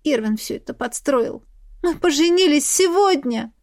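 A woman voicing a desperate young heroine who pleads in shrill outbursts. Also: animated, moderate pace, darkish tone.

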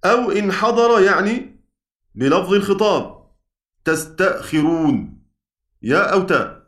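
A man with an Egyptian Arabic accent teaching a class, chanting verses slowly and checking his students' understanding with quick questions. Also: on the high side, fairly bright tone. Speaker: Quran recitation teacher. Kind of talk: classroom lesson explaining a poem. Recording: echoey room, voice from far off.

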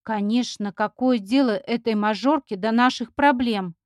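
Higher-voiced woman reading a story. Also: moderate pace, a little mellow, no echo. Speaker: narrator. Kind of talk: audiobook reading.

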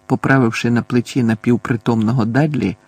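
Husky male audiobook narrator. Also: medium pitch, fairly even intonation, a little fast, a little mellow, no room sound. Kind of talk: audiobook reading.

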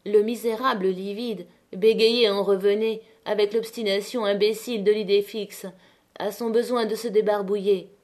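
A woman narrating a classic novel as an audiobook, with measured, dramatic reading. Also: medium pitch, steady tone, darkish tone. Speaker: audiobook reader.

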